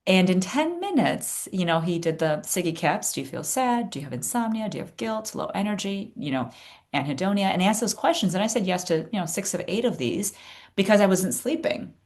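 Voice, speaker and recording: A woman in her fifties who grew up in Chicago, a guest neurologist telling her story in an earnest podcast interview, quick to laugh. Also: medium pitch, animated, darkish tone. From United States (Chicago). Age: 50s.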